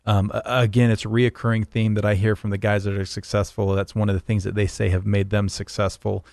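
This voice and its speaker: A man's voice: fairly low pitch, little pitch movement, brisk, vocal fry, a little mellow, no room sound. A man in his forties co-hosting a podcast, chatting casually and often repeating words as he starts his sentences. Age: 40s. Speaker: podcast co-host. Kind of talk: casual chat.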